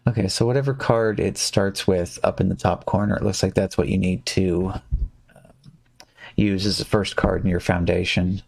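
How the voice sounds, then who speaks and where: Gravelly low-voiced man streaming a card game. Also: moderate pace. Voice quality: gravelly, relaxed, hums and mutters while playing. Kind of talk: casual live-stream commentary.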